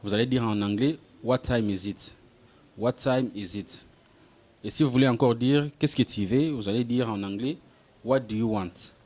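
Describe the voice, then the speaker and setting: A man giving a language lesson, slowly repeating each example phrase with care. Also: medium pitch, darkish tone. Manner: slow, careful repetition of example phrases. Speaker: English teacher.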